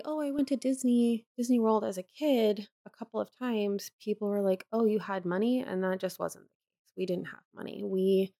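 A woman's voice: medium pitch, gravelly, mellow, no room sound, clean studio sound. A young woman from Pennsylvania, a podcast co-host, chatting reflectively and rambling a little with fillers. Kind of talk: casual personal chat.

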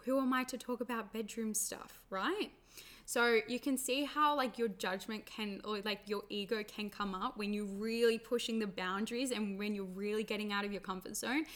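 A woman's voice: mid-range voice, steady tone, normal speed, fairly bright tone. A young woman talking casually as a coach, chatty and full of fillers, acting out inner voices. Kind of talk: casual motivational talk.

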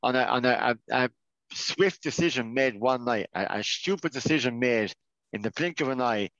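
Appearing as a podcast guest, this earnest man from Ireland chats casually, often starting his sentences over and leaning on fillers. He talks at a moderate pace in a mid-range, slightly bright voice, and the sound is dry and dull.

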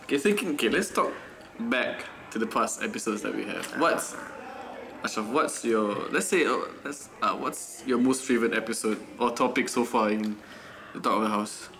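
A man's voice: medium pitch, normal speed, gravelly, fairly bright tone, slight background noise. A young man hosting a casual podcast, laughing often and stumbling through restarts. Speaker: podcast host. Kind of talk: casual chat.

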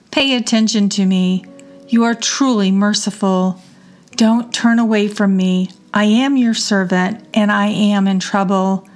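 A woman reading psalms aloud in a measured devotional reading. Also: medium pitch. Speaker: scripture reader.

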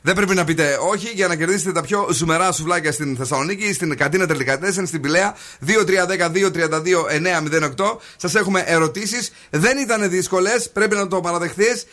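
A man hosting a playful call-in quiz on the radio, teasing callers with quick banter. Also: sits high, sharp tone. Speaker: radio host. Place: radio studio. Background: music.

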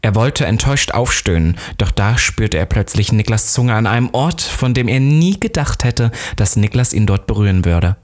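A man's voice: lowish voice, lively intonation, normal speed, hardly any pauses. A man reading a story aloud, with amused, joking comments in between.

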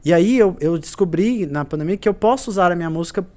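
A man's voice: high-pitched, animated, fast talker, warm tone. A man, a musician guest telling stories earnestly in a casual podcast chat. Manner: earnest, repetitive storytelling.

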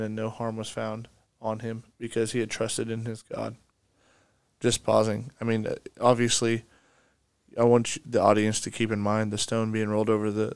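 A man co-hosting a podcast, reading scripture passages aloud and then pausing to comment on them in a casual, restarting way. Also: lowish voice, darkish tone, clear, resonant tone, no echo. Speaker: podcast co-host. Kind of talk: casual Bible study discussion.

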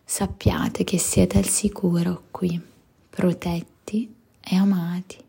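A woman narrates a guided meditation in a soothing, soft spa whisper. Her voice is low and mellow, heavy with breath. She moves through the script gently, as a meditation guide. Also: flat delivery, slow pace, creaky, slightly rough.

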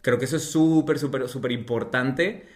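A man's voice: medium pitch, fairly even intonation, moderate pace. A young Mexican man chatting casually as a podcast guest, telling stories expressively with slang and acted-out dialogue. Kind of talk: casual chat, animated storytelling.

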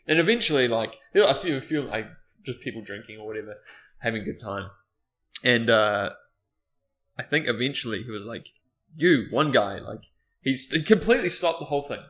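A man talking casually. He rambles through a story and leans on filler words, and his voice sits at an ordinary middle pitch. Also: animated, brisk. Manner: rambling storyteller, many "like" fillers, acts out quotes loudly. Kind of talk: casual chat.

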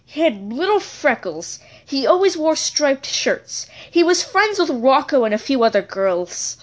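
A woman's voice: high-pitched, big pitch swings, measured pace. A woman telling a childhood story in a casual, rambling episode, correcting herself and adding chatty asides.

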